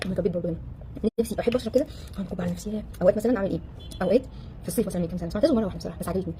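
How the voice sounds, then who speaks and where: A woman with an Egyptian Arabic accent coaching a live audience in a casual, animated way, firing off rhetorical questions and acting out the voices of the people she quotes. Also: lowish voice, racing, background noise. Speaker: relationship coach.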